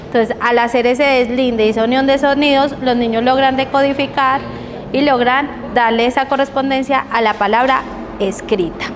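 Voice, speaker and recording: A woman leads a teacher training session, slowly modeling letter sounds and asking the group check questions. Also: high-pitched, steady tone. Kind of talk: training workshop lecture. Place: training room. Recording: reverberant hall with faint background noise.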